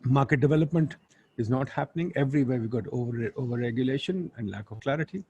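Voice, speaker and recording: A man's voice: medium pitch, fast talker, darkish tone, muffled recording, a little hiss or hum. A man with a Pakistani accent hosting an online webinar in an informal, blunt way, with Urdu asides. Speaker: webinar host and moderator. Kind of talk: informal spoken webinar introduction.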